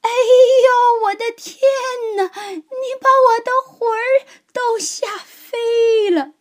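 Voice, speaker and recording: A woman voicing a tiny, frail-looking old woman in a children's story, shrieking in terror and then scolding slowly. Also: on the low side, fairly bright tone, no room sound, clean studio sound. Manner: shrieking in mock terror, slow stern scolding.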